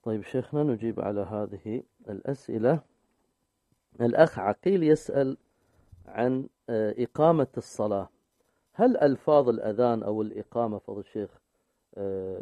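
A man's voice: mid-range voice, a little fast, dry recording. A man hosting a call-in religious show, taking calls and reading listeners' questions with brief, polite acknowledgements. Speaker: radio show host. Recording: dry, phone-like narrow sound.

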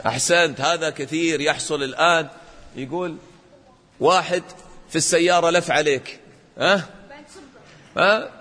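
A man teaching a religious lesson to children, questioning the class and acting out examples in an animated way. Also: fairly high pitch, normal speed, pauses often, long reverb tail.

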